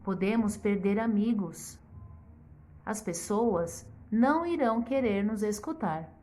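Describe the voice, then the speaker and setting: A woman educational psychologist narrating a children's story expressively and ending with a moral lesson. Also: medium pitch. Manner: slow, expressive, teacherly.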